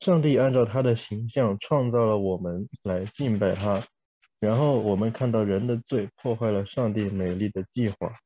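Dark-voiced man as a live interpreter. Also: on the low side, normal speed, muffled recording, slight background noise. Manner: interpreting sentence by sentence, with small self-corrections.

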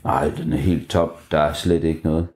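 A cuddly storybook teddy bear talks in a slightly lowered, hesitant voice, as a man puts him on. He hems and haws with little ums before getting his words out. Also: fairly even intonation, darkish tone, roomy sound, a little hiss or hum. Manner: hesitant, with filler sounds. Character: teddy bear, friendly and fussy about food.

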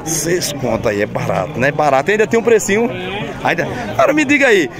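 Touring an open-air cattle market, a chatty vlogger with a Northeastern Brazilian accent keeps up upbeat, friendly patter with sellers and viewers in a casual walk-around vlog with interviews. His fairly high voice is sing-song and a little fast. A loud, busy outdoor crowd murmurs all around him.

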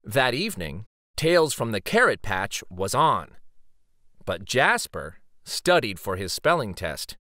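A man reading a children's picture book aloud as dramatic, suspenseful narration, with theatrical pauses and emphasis. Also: on the low side, big pitch swings, sharp tone, no room sound, studio quality.

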